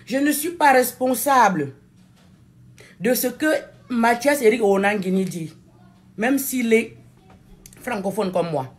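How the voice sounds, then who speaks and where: A Cameroonian political activist and native French speaker with a Cameroonian accent addresses viewers in an impassioned political speech. She speaks emphatically and deliberately, repeating phrases for stress, in an animated voice on the high side.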